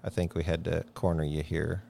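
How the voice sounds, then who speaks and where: A man's voice: very deep voice, level tone, fairly quick, gravelly, dark tone, dry recording. A man co-hosting a casual podcast from a hotel room, joking and laughing often. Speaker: podcast co-host.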